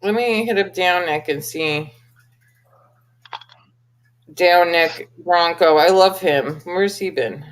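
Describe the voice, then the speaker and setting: Brief: woman live-streamer, low-ish voice, offhand chat, clear background noise on the line. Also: takes it slowly, long pauses. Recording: noisy call audio.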